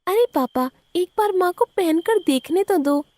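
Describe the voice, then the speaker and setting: A woman's voice: very high voice, normal speed, no echo, voice pushed up. A woman doing a cheeky young daughter. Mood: coaxing. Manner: lively, teasing. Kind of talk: animated cartoon voice acting.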